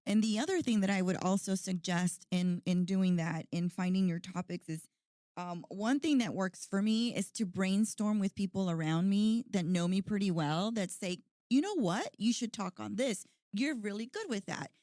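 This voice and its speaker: A woman in her forties chats on her own podcast in an easygoing, earnest way, full of "like" and "you know". Her voice sits at an ordinary middle pitch. It is recorded close and dry, with no room sound. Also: normal speed, warm tone, dry recording. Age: 40s. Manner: chatty, lots of "like" and "you know". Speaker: podcast host. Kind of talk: casual podcast chat.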